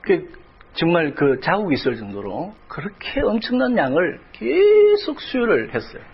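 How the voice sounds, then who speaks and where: Middle-aged pastor guy preaching, gravelly husky voice, swings up and down a lot, kinda dull lo-fi sound. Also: sits high, huge pitch swings, normal speed. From South Korea. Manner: emotional storytelling, rising to cries in prayer. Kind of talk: sermon.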